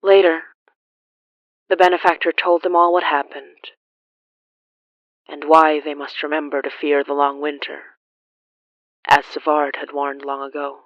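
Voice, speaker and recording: The narrator of a horror fiction podcast reads scripted narration in a mid-pitched, flat voice, solemn and deliberate with dramatic pauses. The recording is somewhat dull and closed-in, with no room sound.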